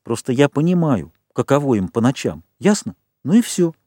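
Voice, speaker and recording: A man voicing Jack, an eager boy hunter in an audiobook, chattering excitedly. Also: medium pitch, moderate pace, no room sound, studio quality. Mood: jittery.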